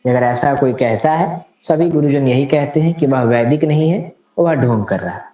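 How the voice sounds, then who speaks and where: A man's voice: mid-range voice, moderate pace. A man teaching Sanskrit grammar in a lecture, explaining it step by step and reciting grammar rules with care. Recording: echoey, slightly dull room recording.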